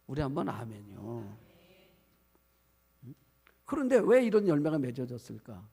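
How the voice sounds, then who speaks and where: Gravelly Korean pastor preaching in a hall. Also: male voice, mid-range voice, big pitch swings, measured pace, warm tone. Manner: preaching with rhetorical questions to the congregation. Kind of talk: sermon. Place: church sanctuary. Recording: long church hall reverb.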